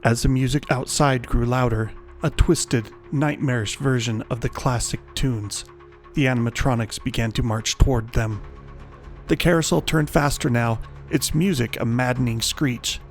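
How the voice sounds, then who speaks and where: A man reading a scripted horror story in a measured, dramatic storytelling style. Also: mid-range voice, steady tone, faint music behind.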